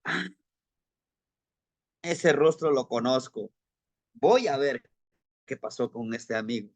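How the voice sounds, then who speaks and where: A man's voice: medium pitch, lively intonation, slow, no room sound. A man voicing a proud male woodpecker who vows to protect, speaking in solemn promises. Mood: curious.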